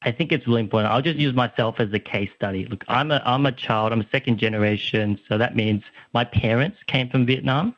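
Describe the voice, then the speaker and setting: Over a muffled phone connection, a young man from Australia calls a talkback radio program, speaking briskly in a mid-range voice with few pauses and no echo. His earnest talk is peppered with fillers and false starts.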